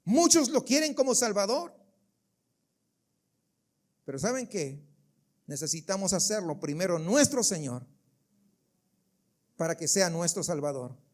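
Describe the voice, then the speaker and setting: A pastor with an unusually high-pitched man's voice, delivering a sermon in church. He talks emphatically and keeps throwing questions at the congregation. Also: sing-song, unhurried, long pauses.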